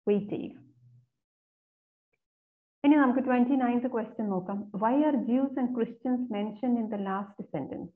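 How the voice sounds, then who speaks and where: A woman exam coach, reading each question slowly and then explaining it quickly. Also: a little high. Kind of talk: explaining exam questions, mixing Malayalam and English. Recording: phone-like narrow sound.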